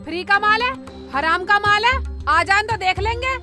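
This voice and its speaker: A bold young village wife in a comedy film, outspoken and defiant. Her voice is very high, as a woman acts her out, with music playing behind. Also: normal speed.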